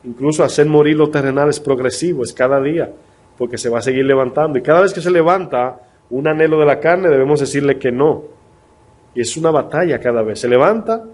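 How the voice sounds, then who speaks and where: This male pastor's voice is mid-range and a little mellow. He talks through his sermon conversationally, asking rhetorical questions and reading scripture slowly and carefully.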